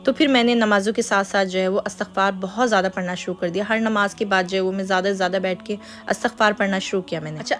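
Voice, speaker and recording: A woman hosting her own channel, telling a personal religious testimony in an earnest, confiding, unhurried way. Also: medium pitch. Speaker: channel host.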